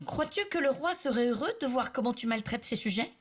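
A woman's voice: mid-range voice, expressive, normal speed, breathy edge. A woman voicing a just, kind king who poses as a peasant and then speaks firmly, in a storybook reading. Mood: stern commanding. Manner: hesitant when disguised, firm when revealed.

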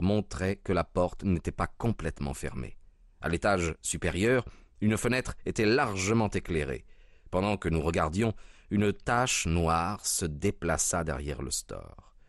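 Man reading an audiobook, lowish voice, steady pace, dry close sound. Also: a little slow, no echo. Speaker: audiobook reader. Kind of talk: scripted narration.

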